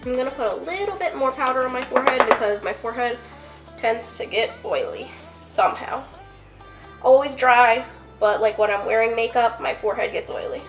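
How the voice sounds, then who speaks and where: Stuffed up with a cold, a young woman talks casually through her makeup tutorial as a beauty vlogger, using lots of fillers and the occasional curse. Her voice is high and her tone sharp.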